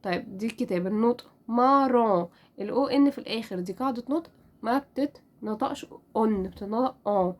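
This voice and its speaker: A woman with an Egyptian Arabic accent teaching French pronunciation in a casual lesson, spelling out letters and repeating each word slowly. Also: a little high, dark tone. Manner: drills words slowly, repeating each one.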